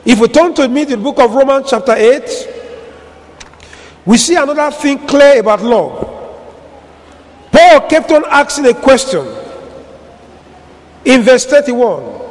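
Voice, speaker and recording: A man preaching a sermon in a church, stretching out key words and now and then shouting for emphasis. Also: extremely high pitch, long reverb tail. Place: church hall.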